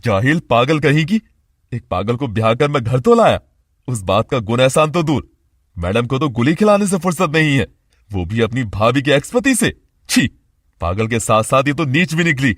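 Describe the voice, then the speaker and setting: A man's voice: medium pitch, big pitch swings, moderate pace, dry recording, clean studio sound. A man voicing a brutal, contemptuous husband in an audio drama, berating his wife. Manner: scornful, berating.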